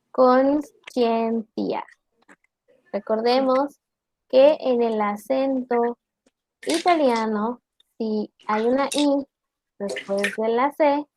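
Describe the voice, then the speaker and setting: A woman teacher giving an online class, explaining slowly and deliberately and asking her students questions. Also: a little high, darkish tone, no room sound.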